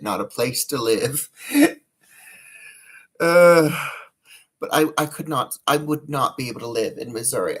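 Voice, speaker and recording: A woman hosting a laid-back live chat, speaking with an American accent that mixes northern and southern sounds. She takes her time, unhurried and drawn out. Her talk rambles and halts, blunt about what she thinks. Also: very deep voice. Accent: mixed northern and southern American. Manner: rambling, halting, frank. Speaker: livestream host.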